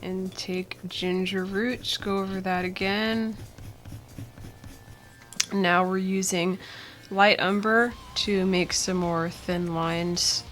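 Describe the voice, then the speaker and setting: Hosting an art tutorial indoors at her drawing desk, a young woman speaks unhurriedly in a mid-range voice. She keeps things relaxed and chatty, dropping lots of ums and uhs, though her voice hasn't fully recovered from a cold.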